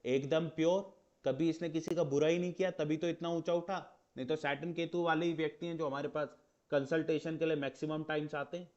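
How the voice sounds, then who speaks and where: Fairly quick and with little pitch movement, a man with a rather high, slightly mellow voice lectures on astrology in Hindi using English terms. He chats his way through with rhetorical questions and acted exchanges, and the sound is dull.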